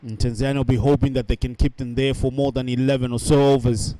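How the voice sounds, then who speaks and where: A man doing live cricket commentary in a measured, unhurried way. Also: medium pitch, level tone, mellow, dry recording.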